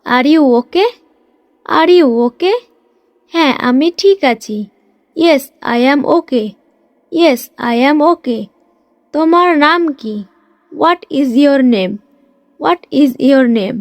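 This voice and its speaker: Brief: high-voiced woman teacher, drilling short phrases in a dry close recording. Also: expressive, no echo. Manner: reads each Bengali phrase briskly, then says the English slowly twice. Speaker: English teacher.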